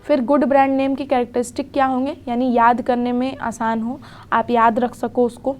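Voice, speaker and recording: A woman's voice: a little high, flat delivery, a little mellow. Young woman teaching a recorded lecture. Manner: explains in Hindi, reads English definitions slowly, often adds "theek hai".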